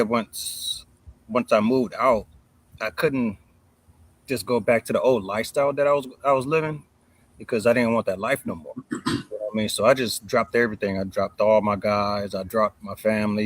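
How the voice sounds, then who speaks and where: A man's voice: fairly low pitch, steady tone, normal speed, dry recording, rough recording. A man telling his own story as a guest in a casual conversation, laid-back and talking to the room. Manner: laid-back, conversational, often says "you know what I mean".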